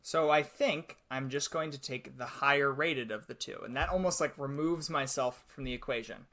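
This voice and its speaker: A man's voice: medium pitch, moderate pace, bright, forceful tone. A young man co-hosting a podcast in casual chat, easygoing, laughing often and thinking aloud. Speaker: podcast host.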